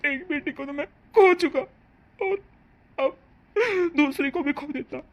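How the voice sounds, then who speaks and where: A woman's voice: sits high, a little slow, lo-fi sound. A woman voicing a grief-stricken middle-aged father in a dubbed cartoon family drama, speaking in a pleading, heavy way. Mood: grieving.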